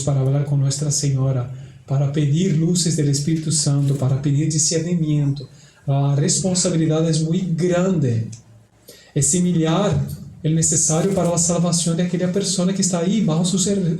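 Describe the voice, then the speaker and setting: A man with a fairly high, soft-edged voice speaks as a priest to the faithful. His delivery is didactic, leaning on repeated phrases. The room rings around him like a cathedral, with a faint noise underneath. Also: reverberant, rough recording. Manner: didactic, repeats phrases for emphasis, tag questions. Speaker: priest giving a family workshop. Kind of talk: religious talk and prayer. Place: large reverberant indoor room.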